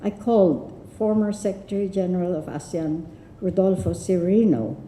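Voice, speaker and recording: A woman from the Philippines giving a formal tribute speech at a forum, with measured, deliberate delivery. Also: on the low side, mellow, a little hiss or hum. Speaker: forum speaker. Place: university lecture room. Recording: echoey lecture room.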